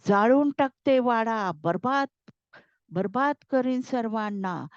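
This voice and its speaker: Brief: distraught village mother, fierce and desperate, a woman reader doing the voice; slow delivery, dull dry recording. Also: on the high side, mellow, no room sound, lightly acted. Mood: raging.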